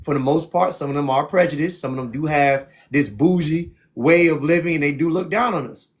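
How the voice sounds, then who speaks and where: The show host, a South Florida man, runs a heated stream debate in a preachy, emphatic manner, often repeating "see what I'm saying." His voice is on the high side and a little fast.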